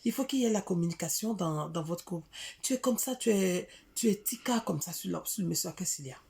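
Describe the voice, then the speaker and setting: Gravelly-voiced woman from Africa, indignant. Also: lowish voice, fairly quick. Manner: animated, indignant, repeats words for emphasis. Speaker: vlogger addressing her community. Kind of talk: casual storytelling monologue.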